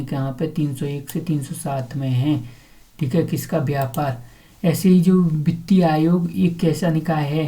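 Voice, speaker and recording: A woman lectures for an exam-prep class in a low, very mellow voice. She poses a question, answers it, then asks again and repeats the answer to fix it in memory. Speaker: teacher.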